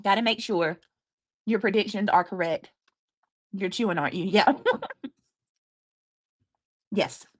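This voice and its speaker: A woman's voice: medium pitch, measured pace, long pauses, no echo. Chatty woman, dry close sound. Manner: chatty, teasing, chewing while talking. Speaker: livestream host. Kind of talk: casual livestream chat reading comments.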